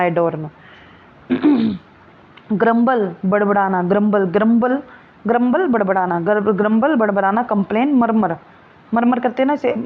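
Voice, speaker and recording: Hindi-accented woman teacher repeating words over and over, a bit high, dull lo-fi sound. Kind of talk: vocabulary lesson with memory tricks.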